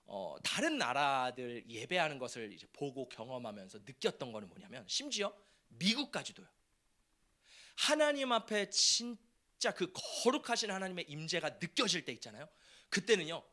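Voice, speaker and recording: A male pastor preaching a fervent sermon in a church sanctuary, often breaking into shouts. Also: on the high side.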